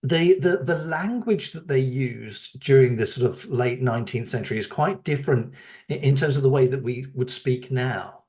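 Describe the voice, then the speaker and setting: A man's voice: mid-range voice, moderate pace, a little mellow. A man hosting a podcast interview, asking long rambling questions full of repeated words. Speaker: podcast host.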